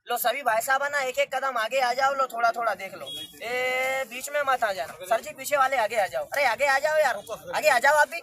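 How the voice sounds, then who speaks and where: A man performing as a street magician, loudly coaxing and commanding the crowd around him in a patter. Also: very high-pitched, normal speed, few pauses.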